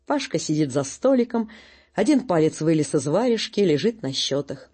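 A narrator reading a literary story aloud at an unhurried, storytelling pace. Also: mid-range voice, big pitch swings, a little mellow, breathy edge.

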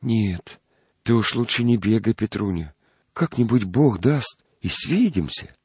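A man reading a storybook aloud, voicing a gentle, frightened young peasant girl with a soft, tearful voice. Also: on the low side, lively intonation, unhurried, breathy edge, dry recording, pitched above the performer's own voice, heavily acted. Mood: anxious pleading.

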